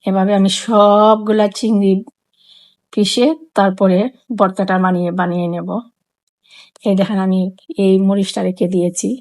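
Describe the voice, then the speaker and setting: Her voice is mid-range and a little mellow, with little rise and fall, a moderate pace, and frequent pauses. She's a Sylheti Bengali–accented cooking vlogger from Sylhet, Bangladesh, chatty and repetitive as she walks viewers through each step of a home-cooked dish.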